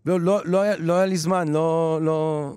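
Excitable high-voiced man hosting a show. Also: heavy background noise. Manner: theatrical, excitable, stammers and restarts. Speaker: podcast host. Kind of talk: comic late-night style show hosting and lecturing.

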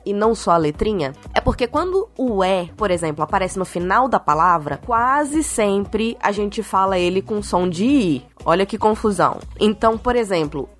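A woman's voice: medium pitch, animated, normal speed, few pauses, faint music behind. A woman on a science podcast explaining an answer to a child in a patient, teacherly way.

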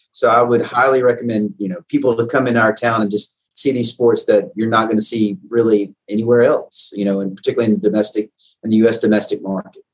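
A man answering interview questions haltingly, with many fillers. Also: fairly low pitch, slightly rough, poor audio. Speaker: guest, games organizer.

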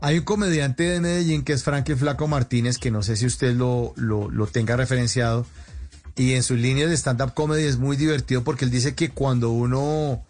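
A man's voice: mid-range voice, steady tone, normal speed, darkish tone, faint music behind. A man with a Colombian accent hosting a call-in radio show, chatting playfully and asking questions. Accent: Colombian Spanish. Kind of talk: lively call-in radio chat.

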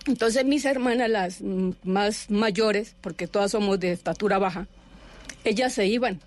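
A middle-aged Colombian woman with a mid-range voice gives personal testimony as an interview guest. She speaks haltingly, full of fillers and restarted sentences, and sounds distant because she sits a little too far from the microphone.

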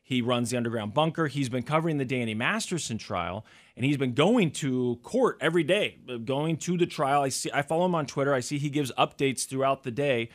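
A man hosts a podcast in a relaxed, conversational style. His pitch sits in the middle range for a male voice. He speaks informally, as in everyday chat. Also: a little fast. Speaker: podcast host.

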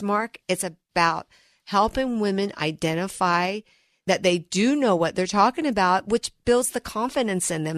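A woman's voice: lowish voice, a bit bright, no echo, clean studio sound. A woman financial advisor hosting a radio talk show, telling stories in an earnest, chatty way. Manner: earnest, storytelling, repeats words on restarts.

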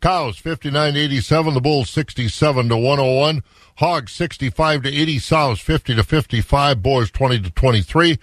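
A man's voice: mid-range voice, moderate pace, a bit bright, no room sound. An American man hosting a radio farm report in a conversational, off-the-cuff way. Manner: conversational, unscripted asides. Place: radio studio.

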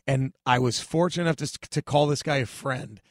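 A man, a stand-up comedian, chatting casually and telling profane, animated stories as a podcast guest, acting out other people's lines. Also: medium pitch, fairly quick, dry recording, clean studio sound.

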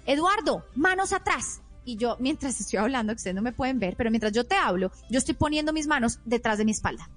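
A woman's voice: a little high, quick pace, few pauses, faint music behind. A woman parenting expert explaining in a teaching manner, acting out example phrases a parent might say. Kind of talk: explanatory podcast talk.

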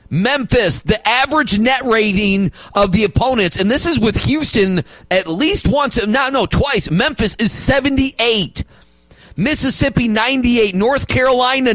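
A male sports radio host arguing basketball opinions and rattling off stats, with emphatic loud bursts. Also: very high voice, measured pace, dry recording, faint music behind, poor audio.

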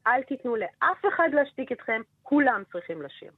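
A woman who teaches voice and researches vocal cognition, speaking in an energetic, emphatic, teacherly way as a guest in a radio interview by phone. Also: high voice, husky, dry recording. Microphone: telephone. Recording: dry, tinny phone line.

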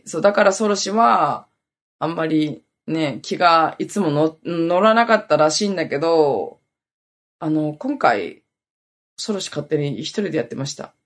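A woman's voice: sits low, lively intonation, normal speed. A woman hosting a podcast, telling a long story in a rambling, casual way with lots of fillers. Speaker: podcast host. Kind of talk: casual chat.

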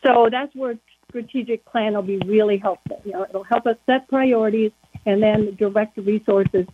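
A woman sitting on a county board calls in for an informal interview and talks chattily, saying "you know" often. She speaks at a medium pitch with fairly even intonation and normal speed; there's a little hiss or hum, and the phone line is muffled as though through a wall.

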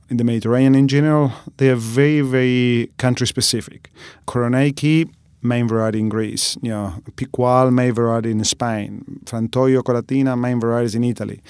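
A man's voice: medium pitch, darkish tone, dry recording, studio quality. A middle-aged man from Argentina, giving thoughtful, explanatory interview answers with frequent fillers. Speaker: olive oil expert guest.

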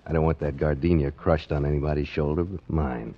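A man's voice: extremely low pitch, steady tone, fairly quick, faint music behind. An actor playing a cocky, scheming waterfront crook with slangy tough-guy talk in 1940s radio style. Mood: smooth, scheming. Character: scheming, cocky waterfront crook sweet-talking his moll. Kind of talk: 1940s radio crime acting. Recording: muffled 1940s radio recording.

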